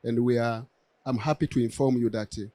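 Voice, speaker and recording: A man with a Tanzanian accent giving a formal panel presentation as a bank representative, speaking haltingly with frequent pauses. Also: medium pitch, fairly even intonation, dark tone, no room sound.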